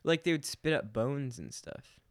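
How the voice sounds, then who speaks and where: A man's voice: medium pitch, a little slow, dry recording, studio quality. A young man in casual chat, rambling through stories with lots of swearing and laughter. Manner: rambling, profane, laughs while telling stories. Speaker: podcast co-host.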